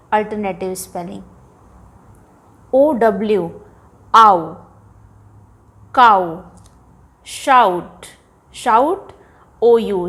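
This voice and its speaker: Indian woman teacher, fairly high voice, unhurried and clear, models each word for young learners. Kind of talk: phonics lesson for children.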